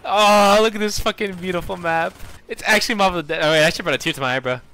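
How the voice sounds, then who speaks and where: A young man streaming a zombie game with friends, excitable and swearing as he talks. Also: high-pitched, rapid-fire. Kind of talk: casual gaming chat with friends.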